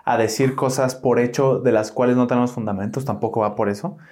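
Young man, Mexican accent, podcast co-host, casual chat, slangy and casual with swearing, mid-pitched voice in the middle of the usual male range. He keeps calling his partner "güey" and lets loose curse words, as friends on a laid-back show do. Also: fairly even intonation, fairly quick, darkish tone. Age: young adult.

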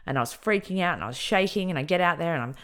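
A woman telling a personal story on a podcast, emphatic and animated as she recounts events. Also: on the low side, very fast.

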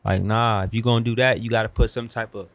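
A man's voice: on the low side, steady tone, fast talker. A young American man chatting casually in slangy, profane, emphatic street talk. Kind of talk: casual chat.

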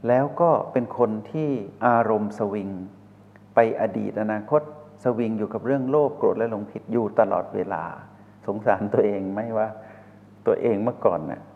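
A man giving a slow, measured dharma talk as a spiritual teacher, posing rhetorical questions to listeners. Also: on the low side, gravelly. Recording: reverberant hall over a tinny phone-like line.

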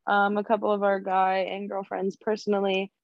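A woman's voice: medium pitch, completely flat delivery, no room sound. Young woman podcast cohost, giggly chatty, dry dull lo-fi sound. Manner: giggly, chatty, drawn-out phrasing. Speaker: podcast co-host. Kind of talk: casual chat.

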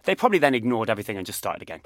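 A man's voice: fairly low pitch, sing-song, very fast, no echo. A man hosting a radio show, camp, playful and gushing with his guests in the studio. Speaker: radio host.

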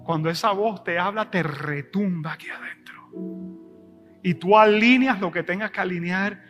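A middle-aged male pastor preaching a sermon, swelling loud and high at times, then dropping soft. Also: normal speed, faint music behind. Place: church service.

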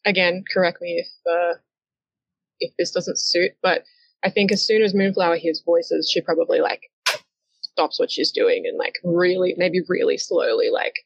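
Brief: woman game master, low gravelly voice, chatty and hesitant, dull lo-fi recording. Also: fairly even intonation, moderate pace, no room sound. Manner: chatty, filler-heavy, hesitant. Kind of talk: narrating a collaborative comic story game. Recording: dull, lo-fi and dry.

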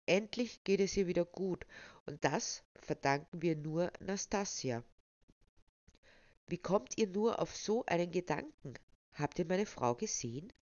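A woman reading aloud, voicing an agitated village man who shouts and pleads. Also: lowish voice, expressive, measured pace. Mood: pleading. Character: angry village man, drunk-brave, desperate. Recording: slightly dull, dry sound.

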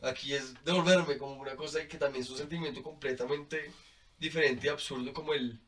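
Colombian male guest, mid-pitched, chatty and animated, laughs a lot, slightly distant mic. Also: brisk. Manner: animated, laughs often, fills with "como". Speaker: podcast guest. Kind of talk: casual storytelling.

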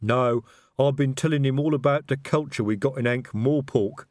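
Detritus, a man doing a slow, earnest troll. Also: mid-range voice, darkish tone, no room sound, studio quality, voice pushed up, close to an everyday voice. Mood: airy. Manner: slow, ungrammatical, plodding explanation. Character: big slow-witted male troll, earnest and boastful.

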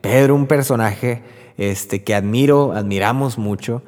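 A man with a Mexican accent giving an informal Bible reflection, telling the story in a lively, conversational way with many fillers. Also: medium pitch, measured pace. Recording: long hall reverb.

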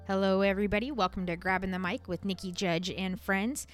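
A woman's voice: medium pitch, fairly even intonation, fairly quick, soft background music. Playful woman hosting a podcast. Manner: playful, teasing interviewer. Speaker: podcast host. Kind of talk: casual podcast interview.

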